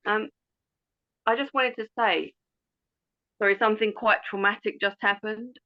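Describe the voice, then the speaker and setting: Rambling woman with a gravelly voice, heard over dull lo-fi call audio. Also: mid-range voice, steady tone, normal speed. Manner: rambling, hesitant, many fillers. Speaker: call participant. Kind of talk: casual group call chat.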